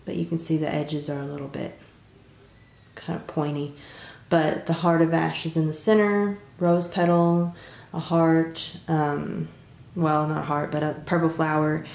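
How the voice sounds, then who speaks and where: At her home craft table, a resin craft vlogger in her thirties shows off her pieces, rambling in a relaxed way and pausing on lots of "um"s. Her voice is low and gravelly, stuffed up from a cold. The room echoes and a faint hiss runs underneath.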